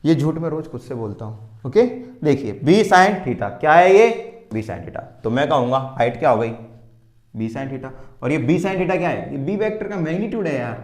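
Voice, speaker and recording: A man's voice: a little high, fairly quick. A man with an Indian accent teaching physics at a board, quizzing his students and teasing them. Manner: lively, quizzing students and answering his own questions, teasing. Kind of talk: classroom lecture at a board. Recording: roomy echo.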